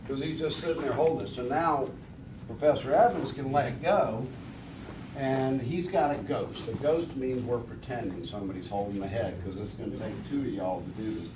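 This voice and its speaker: A man's voice: mid-range voice, moderate pace. A man instructing a paramedic training scenario, giving prompts and informal explanations, often checking that trainees follow. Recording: echoey distant recording with clear noise.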